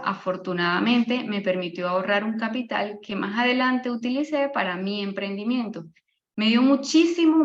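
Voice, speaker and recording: A woman's voice: medium pitch, roomy sound, dull audio. A Venezuelan woman from Maracaibo in her thirties, sharing a personal faith testimony in an online session, earnest, with fillers and restarts. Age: 30s. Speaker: speaker giving a testimony on a live online session.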